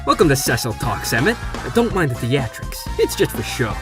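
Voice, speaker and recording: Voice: medium pitch, very animated, moderate pace, lightly acted. An actor voicing a theatrical, polite male TV talk show host in a game story, with music behind. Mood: polite, calm. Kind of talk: showy talk show presenting.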